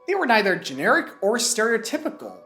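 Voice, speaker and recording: Animated woman with a cold-roughened voice. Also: a little high, a little fast. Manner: playful, jokey asides. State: recovering from a cold. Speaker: film reviewer. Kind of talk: scripted movie review. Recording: echoey room with music.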